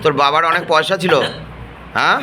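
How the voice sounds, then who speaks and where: A man gently and softly coaxing a possessed person with repeated questions during a ritual. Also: a little high, fairly even intonation, quick pace, background noise. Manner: soft, coaxing, repeats endearments. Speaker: assistant at an exorcism ritual.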